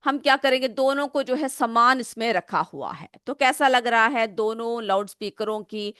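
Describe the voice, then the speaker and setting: A woman's voice: a little high, normal speed, bright, forceful tone, clear, resonant tone, no room sound, studio quality. A woman teaching a school science lesson. She asks the pupils questions and then answers them herself. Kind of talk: classroom lesson, explaining a simulation.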